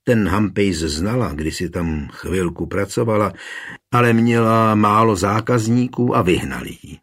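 A man with a low, husky voice narrates a historical story at a measured, even pace. His breathy tone stays calm throughout. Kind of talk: audiobook narration.

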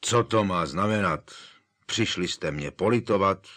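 A man voicing a huge, gruff half-giant gamekeeper who talks loud and grumbling. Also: deep voice. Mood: grumpy.

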